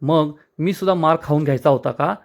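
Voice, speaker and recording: A man's voice: a little high, brisk, close to an everyday voice. A man voicing a hot-tempered, scornful young husband from a TV serial, snapping in irritation. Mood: irritated.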